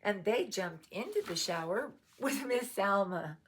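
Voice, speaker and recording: A woman with a mid-range voice reads a children's picture book aloud slowly and animatedly, breaking off for chatty asides to her dog. There's a little hiss or hum on the recording.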